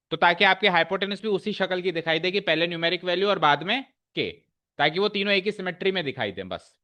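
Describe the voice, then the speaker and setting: A male maths teacher explaining a lesson step by step to his class, often checking in with quick questions. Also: high-pitched, pushed and bright.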